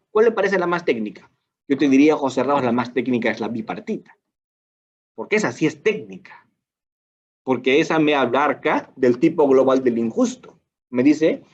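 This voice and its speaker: A man's voice: mid-range voice, darkish tone, highs cut off. A man with a Peruvian accent giving a law lecture, asking and answering his own rhetorical questions, with colloquial asides. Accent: Peruvian Spanish.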